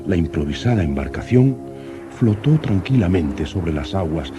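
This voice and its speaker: An actor playing an earnest, curious young explorer who narrates his expedition diary like an old radio serial announcer, in formal, measured diction. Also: low voice, big pitch swings. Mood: earnest narration. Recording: old radio drama with music.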